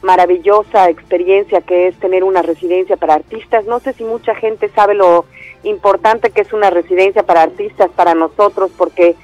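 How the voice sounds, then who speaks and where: Over a muffled telephone line, an Andalusian woman from Spain with a Mexican-tinged Spanish accent gives a phone interview about directing her theatre company, speaking enthusiastically with many fillers and restarts. Her medium-pitched voice is steady and fairly quick, with no echo and soft background music.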